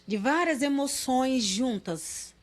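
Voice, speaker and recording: Emotional mother speaking haltingly. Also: sits high, expressive. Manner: halting, repeats words, quotes others in dialogue. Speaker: interviewee, mother. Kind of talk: emotional interview testimony.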